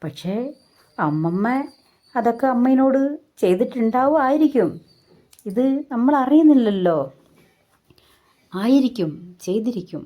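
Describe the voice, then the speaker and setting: A woman, calmly recounting a family story in a reflective way. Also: on the high side, unhurried, long pauses, muffled recording. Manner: calm, reflective narrating.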